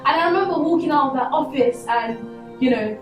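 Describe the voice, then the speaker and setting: A woman's voice: high-pitched, fairly quick. A young woman from Congo giving an earnest, conversational motivational talk to students at a school, with many fillers like "you know". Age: young adult. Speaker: guest speaker at a school. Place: school hall. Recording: echoey hall, distant mic, music behind.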